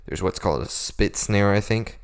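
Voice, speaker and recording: A man's voice: lowish voice, moderate pace, clear, resonant tone. A young man hosting a casual beatboxing tutorial, explaining vocal techniques in a laid-back, self-deprecating way.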